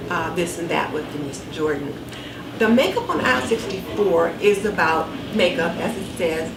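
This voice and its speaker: A woman in her sixties chatting casually to camera in her kitchen, her speech slightly impeded by wearing dental retainers. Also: mid-range voice. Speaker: vlogger. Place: home kitchen, indoors. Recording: roomy, distant camera mic with clear background noise.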